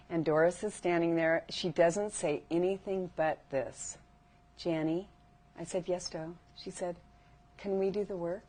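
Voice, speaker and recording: Chatty woman teaching a live group. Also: lowish voice. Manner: warm, chatty, asks the audience questions. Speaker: workshop teacher. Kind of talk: live workshop talk to a group.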